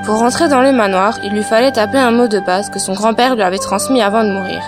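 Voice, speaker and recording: A girl reading a school storybook aloud as narrator, in a steady read-aloud style. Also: mid-range voice, quick pace, over music.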